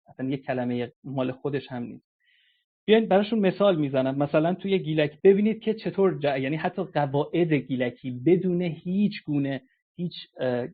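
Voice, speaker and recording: A man whose first language is Gilaki, explaining ideas hesitantly in a casual live audio chat, pausing on drawn-out filler sounds. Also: on the high side. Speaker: discussion speaker. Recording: tinny phone-like audio-app line.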